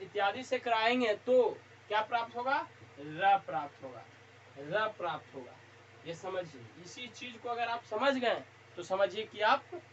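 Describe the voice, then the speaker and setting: A teacher works through a grammar lesson at a writing board, posing a question and answering it straight away, then repeating the key point. The voice sits at an ordinary middle pitch. The sound is dull and lo-fi, with a faint hiss underneath. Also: a bit bright.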